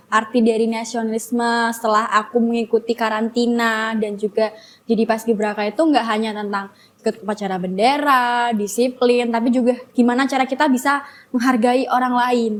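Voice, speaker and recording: A young woman with a slightly high voice chats easily as an interview guest. She talks in a loose, unhurried way and fills the gaps with little filler words. A faint hiss of background noise sits under her voice. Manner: relaxed, chatty, many fillers. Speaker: guest, former flag-raising team member. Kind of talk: casual interview chat.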